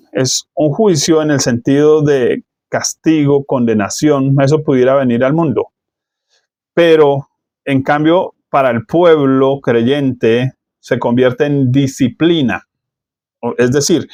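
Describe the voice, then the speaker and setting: Middle-aged Colombian preacher, casual sermon delivery, voice sits a bit high, dry recording. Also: male voice, no echo. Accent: Colombian Spanish. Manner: conversational preaching, rhetorical questions, lively jumps in pitch.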